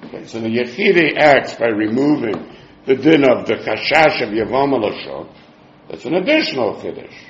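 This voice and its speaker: A man's voice: mid-range voice, very animated, moderate pace, slight background noise. A man with giving an informal religious text lesson, reasoning aloud in a sing-song way as he asks and answers his own questions. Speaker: Talmud teacher. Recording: dull, echoey room recording.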